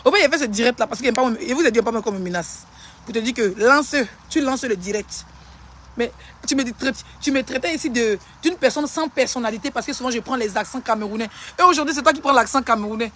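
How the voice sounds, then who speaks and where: An Ivorian social media personality ranting and hurling insults in a live-stream clash, in a taunting, rapid-fire manner. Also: medium pitch, a bit bright, a little hiss or hum.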